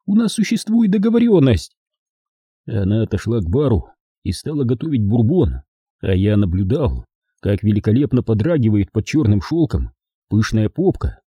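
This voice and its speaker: A man reading a first-person audiobook story with wry, expressive storytelling. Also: on the low side, normal speed, husky, dry recording. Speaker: audiobook narrator.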